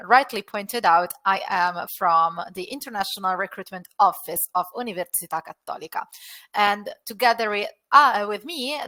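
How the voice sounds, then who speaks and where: A woman's voice: mid-range voice, bright, forceful tone. A woman from university recruitment, presenting a webinar in an upbeat, chatty way with many fillers.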